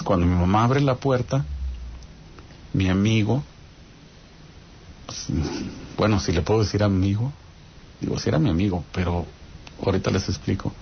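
In a casual spoken ghost story, a man with a Mexican accent recounts a spooky personal experience, talking straight to his listeners and checking they follow with frequent "¿no?" His voice sits on the low side. The recording is muffled, with a little hiss or hum.

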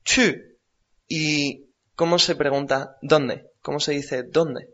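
Male teacher, unhurried and patient, repeats words for drilling; muffled lo-fi sound. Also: on the high side, steady tone, a bit bright. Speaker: language teacher. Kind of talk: radio language lesson. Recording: dull lo-fi recording.

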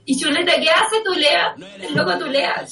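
A woman's voice: very high-pitched, moderate pace, pushed and bright, distant mic, faint music behind. A Chilean woman chiming in with short remarks in a casual podcast chat. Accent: Chilean Spanish. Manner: brief reactive interjections. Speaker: podcast co-host.

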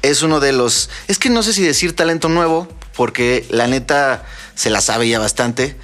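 Mexican male podcast host, young, casual and playful, fillers galore, middle pitch. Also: a bit bright, faint music behind. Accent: Mexican Spanish. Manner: joking, quick, many "eh" fillers.

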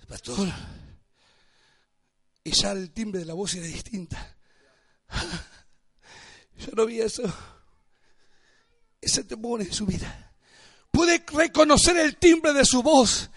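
A male pastor delivering a fervent sermon that swells into shouted, sing-song exhortation and repeated declarations. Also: very high-pitched, slow, pauses often, slightly rough, no room sound, clean studio sound.

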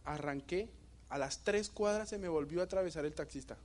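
A young man with a Bogotá Colombian Spanish accent, giving a motivational talk and telling a story with animated energy, often asking the audience questions. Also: a little high, fairly quick. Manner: animated storytelling, asks the audience questions, laughs at his own jokes. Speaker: motivational speaker.

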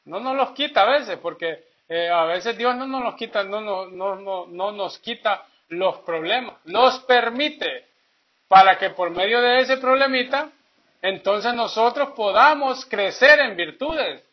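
Folksy preacher, high voice. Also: male voice, measured pace. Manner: folksy, tells jokes, keeps asking "¿verdad?". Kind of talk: sermon. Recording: dull lo-fi recording.

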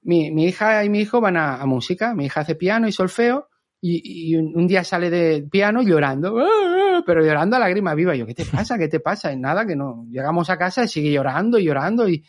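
High-voiced chatty man. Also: brisk. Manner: lively, chatty, acts out quotes. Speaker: communicator and trainer. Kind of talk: podcast storytelling talk.

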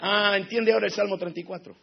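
A man preaching a sermon as pastor, moving between hushed, low passages and shouted climaxes. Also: lively intonation, normal speed, husky, highs cut off.

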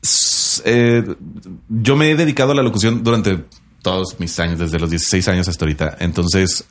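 A young man from northern Mexico with a northern Mexican accent, a voice-over announcer co-hosting a podcast in casual, joking chat. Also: lowish voice. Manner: relaxed, joking, laughs often.

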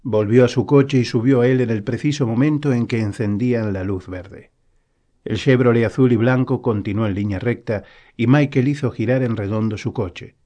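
A man reading a novel aloud as an audiobook narrator, in a calm, even storytelling manner. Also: medium pitch, moderate pace.

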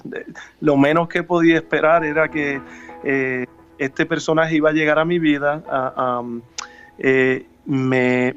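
A man in his thirties from Puerto Rico with a Puerto Rican Spanish accent, a gospel musician speaking haltingly with many fillers in a radio interview. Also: fairly high pitch, a bit bright, clean tone, dull audio. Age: 30s. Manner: hesitant, many fillers and restarts.

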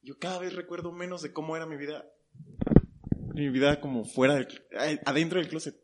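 Un hombre con acento mexicano recuerda su historia personal como invitado, en tono reflexivo. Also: male voice, a little high, steady tone, fairly quick, very noisy. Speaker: guest. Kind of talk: personal storytelling.

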